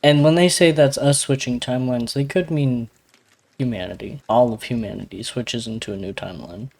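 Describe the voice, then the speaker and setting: A man's voice: mid-range voice, a little fast, gravelly, darkish tone. A man co-hosting a podcast, with a slight lisp, explaining things in a rambling, hedging way full of fillers. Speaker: podcast co-host. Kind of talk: casual podcast chat.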